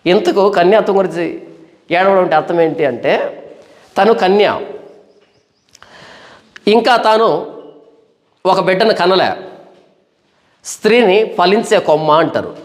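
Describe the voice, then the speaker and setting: Male pastor, high voice, sermon in a long-reverb hall, questioning and emphatic. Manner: questioning, rhetorical, slows to stress points. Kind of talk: Bible study sermon.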